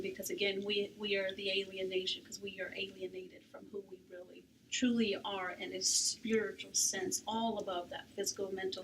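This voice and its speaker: A middle-aged woman speaking as a panelist in a reflective, soft-spoken way, her voice often slipping into a breathy whisper. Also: mid-range voice. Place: room at a healing arts center. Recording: distant mic with faint background noise.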